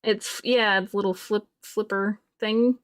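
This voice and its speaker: A woman playing a tabletop game, soft-spoken and unhurried. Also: medium pitch, steady tone, clear, resonant tone, no room sound, studio quality. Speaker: player.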